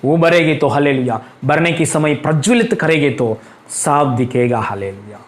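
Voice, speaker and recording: A man's voice: on the high side, normal speed. A male pastor preaching a fervent sermon in a church, breaking in with hallelujah again and again. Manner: fervent, repeats hallelujah constantly.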